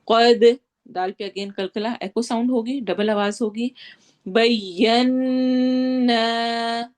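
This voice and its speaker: A woman teaching tajweed, reciting Quranic verses slowly and drawn out, then explaining each rule in brisk Urdu with a Pakistani accent. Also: medium pitch, darkish tone. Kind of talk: tajweed lesson, slow chanted recitation between quick spoken explanations.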